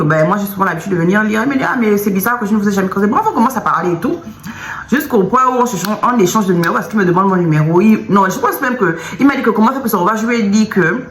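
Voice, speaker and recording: A young woman casually telling a personal story, animated and acting out what people said. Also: mid-range voice, slight background noise. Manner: animated, acts out quotes. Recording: echoey room with faint ambience.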